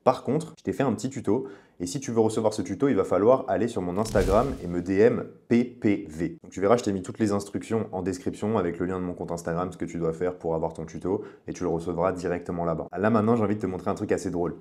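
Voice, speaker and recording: A man's voice: low-pitched, fast talker, warm tone. A man giving a casual, chatty tutorial as a coach, speaking directly to the viewer. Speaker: online business coach.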